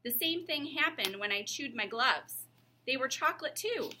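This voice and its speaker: Woman voicing an earnest schoolboy, bright and high. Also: animated, normal speed, a little hiss or hum, exaggerated voice. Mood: insistent, pleading. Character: young schoolboy, earnest, pleading and sorry for himself.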